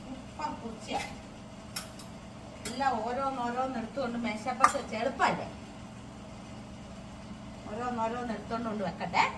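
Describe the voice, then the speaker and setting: High-voiced chatty woman vlogging from home. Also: steady tone, normal speed, long pauses, roomy sound, distant mic, heavy background noise. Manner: chatty, keeps checking in with viewers with tag questions. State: throat strained from talking. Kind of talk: casual chat to camera. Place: home kitchen.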